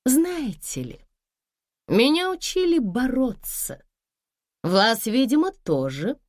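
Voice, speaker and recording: A woman's voice: high-pitched, big pitch swings, slow, dry recording, clean studio sound, voice pushed up, full character voice. A woman voicing a confident, mocking middle-aged wife who speaks with sarcastic scorn and keeps pressing her rival. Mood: scornful.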